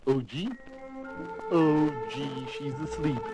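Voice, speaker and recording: An actor playing a friendly cartoon gorilla babysitter who tells a children's bedtime story in an expressive, folksy manner, with music behind him. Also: male voice, on the high side, takes it slowly. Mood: chatty. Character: friendly pet-shop gorilla babysitter telling a bedtime fairy tale. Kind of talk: animated children's storybook narration.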